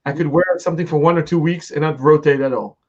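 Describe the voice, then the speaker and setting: Thinking out loud in a halting manner, a middle-aged interview host carries on a conversation. His voice is fairly high and a little mellow with fairly even intonation, and the recording sounds slightly lo-fi.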